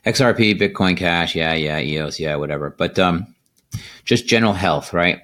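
A middle-aged man hosting a casual crypto video, talking in a relaxed, rambling way with many fillers, recorded at his desk on a computer mic. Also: low voice, normal speed. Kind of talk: casual market commentary. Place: indoors at a desk.

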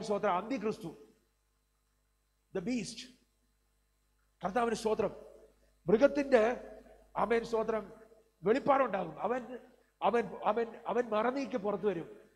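A middle-aged male preacher delivering a sermon, filling his speech with amens and words of praise. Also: high-pitched. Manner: preaching with frequent amen and praise interjections. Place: community hall. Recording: hall reverb, faint hum.

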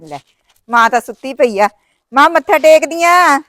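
A woman's voice: high-pitched, animated, unhurried, sharp tone. A woman with a Punjabi accent, acting in a family short film, complaining indignantly and refusing every offer. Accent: Punjabi (Malwa). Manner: indignant, complaining, talks over objections. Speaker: actor playing a sulking sister-in-law.

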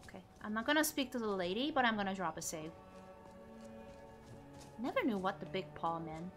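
A woman live streamer giving casual, expressive gameplay commentary and chatting with viewers, exclaiming and swearing freely. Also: mid-range voice, brisk, soft background music.

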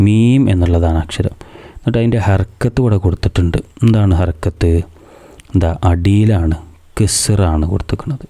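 A man's voice: deep voice, warm tone. A man teaching a reading lesson to young children, patiently asking questions and answering them himself. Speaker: madrasa teacher.

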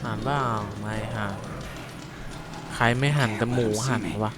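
A man's voice: medium pitch, a little slow, very noisy. A young Thai man commentating his horror game play, joking, muttering to himself and cursing at the screen. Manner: jokey, talks to the screen, mutters and curses at the game. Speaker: gaming YouTuber.

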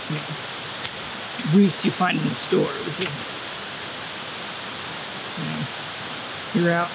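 A man's voice: high-pitched, vocal fry. A man hiking and making a wreath in a snowy forest, talking casually with lots of fillers to a camera set some distance away. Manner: relaxed, rambling with fillers. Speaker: hiking vlogger. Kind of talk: casual outdoor vlog narration. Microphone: camera on tripod at a distance. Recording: loud outdoor hiss from a stream.

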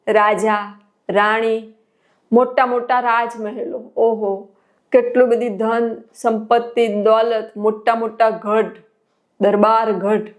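Woman spiritual teacher, devotional parable storytelling, expressive, fairly high voice. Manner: expressive, exclamatory.

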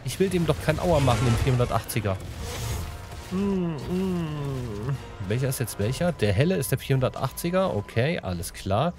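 Chatty German let's-play man, animated. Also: mid-range voice, moderate pace, music in the background. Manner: chatty, talks to the animals and viewers, playful sing-song bits. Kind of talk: casual gameplay commentary.

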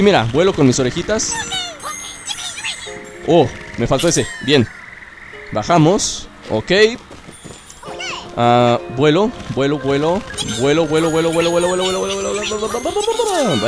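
A young man, chatting excitedly as he plays through a video game and cheers himself on. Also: a little high. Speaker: gaming YouTuber. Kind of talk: let's play commentary. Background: game music.

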